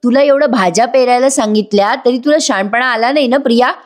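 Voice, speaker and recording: A woman's voice: fairly high pitch, quick pace, lightly acted. A woman voicing a sensible young wife who firmly tells off a rude relative. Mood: scolding. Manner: reproachful, firm.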